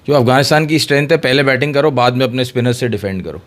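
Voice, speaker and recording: A man hosting a casual cricket chat, explaining tactics at length in an animated way. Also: mid-range voice, very fast. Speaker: cricket discussion host.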